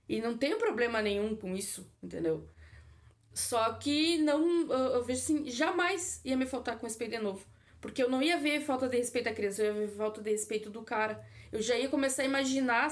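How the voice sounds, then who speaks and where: A woman with a high voice talks straight to her viewers in a casual vlog. She is blunt and repeats herself, tagging her points with little checks for agreement. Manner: blunt, repetitive, frequent filler tags. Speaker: vlogger. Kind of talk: casual opinion monologue to camera.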